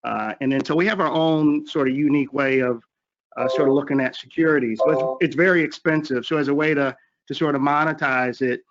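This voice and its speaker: A man's voice: a little high, a little fast, noisy background. A man introducing himself and his investment firm as a webinar panelist, heard over a group video call. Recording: dull lo-fi call audio.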